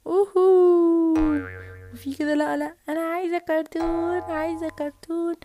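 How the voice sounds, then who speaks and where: Woman doing a shrill teasing Egyptian little girl. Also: level tone, brisk, music in the background. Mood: whiny. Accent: Egyptian Arabic.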